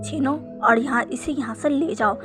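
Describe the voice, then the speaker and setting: A woman's voice: high-pitched, unhurried, music in the background. A woman voicing a cold, domineering man. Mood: harsh. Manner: harsh, commanding.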